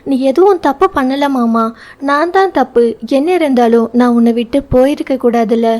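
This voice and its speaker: A woman reading the part of an emotional young wife in an audio novel, quick to anger and to tears. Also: high voice, mellow, natural voice. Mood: tearful. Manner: pleading, sobbing tone. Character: young wife, quick-tempered, tearful and loving.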